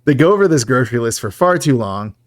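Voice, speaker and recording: A man's voice: mid-range voice, lively intonation, quick pace, no echo, studio quality. A man co-hosting a podcast, recapping a film in a chatty, joking way and laughing often. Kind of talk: casual chat.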